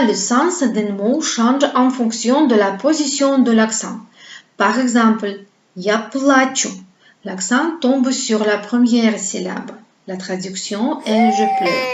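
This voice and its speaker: A woman teaches a language lesson at a deliberately slow pace, explaining patiently and pausing for her students to repeat each word. Her voice sits a little high. The recording sounds roomy and a bit dull, like a modest lo-fi setup. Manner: explains patiently and asks viewers to repeat words. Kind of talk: slow, carefully paced pronunciation lesson.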